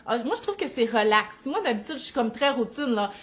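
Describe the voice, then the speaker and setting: A woman in her thirties with a Saguenay Quebec French accent, chatting casually to viewers, laughing easily and filling pauses. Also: a little high, big pitch swings. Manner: chatty, warm-hearted, laughs easily, many fillers. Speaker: family lifestyle vlogger.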